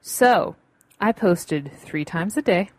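Taking her time, a solo podcast host offers casual advice with animated, emphatic cheer. Her lowish, darkish voice carries no echo, though she records in a home room with open windows.

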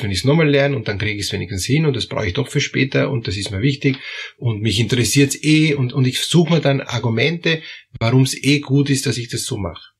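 A man's voice: mid-range voice, fairly bright tone, breathy edge. A man giving a spoken self-help monologue, hesitant, with many fillers and repeated words.

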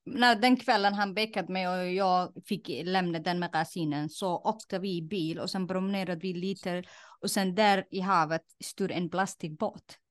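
Young Somali-born woman, non-native speaker, halting testimony, dry close mic. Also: on the low side, steady tone, no echo. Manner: plain, halting retelling with many fillers and reenacted quotes. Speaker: guest. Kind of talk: personal testimony interview.

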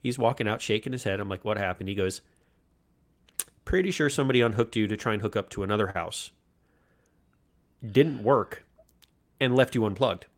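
A podcast co-host tells a casual, animated story and acts out the voices of the people in it. His voice sits on the lower side, at a normal pace, and he pauses often.

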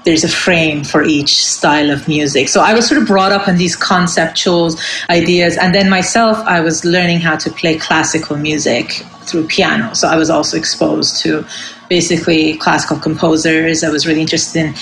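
A woman's voice: sits low, fairly even intonation, normal speed, creaky, fairly bright tone, reverberant, slight background noise, poor audio. A middle-aged woman from Iran, a guest artist telling her story in an interview, reflective and full of fillers. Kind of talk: conversational interview.

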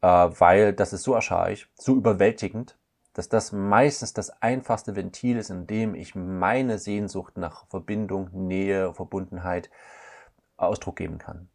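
Deep gravelly guy, counselor on a podcast, slow and thoughtful, lots of little pauses. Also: fairly even intonation, a little mellow. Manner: thoughtful, searching, frequent hesitations. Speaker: couples counselor guest. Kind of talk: reflective podcast conversation.

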